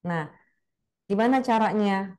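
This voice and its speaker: A woman speaking casually in a webinar on public speaking, chatty and lively, demonstrating different intonations, over a video call mic. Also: medium pitch, unhurried. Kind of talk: casual spoken lecture.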